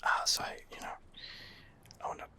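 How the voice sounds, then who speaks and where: A man hosting a gaming video gives whispered ASMR commentary on a game, hesitant and rambling, yet his tone is brisk, bright and forceful.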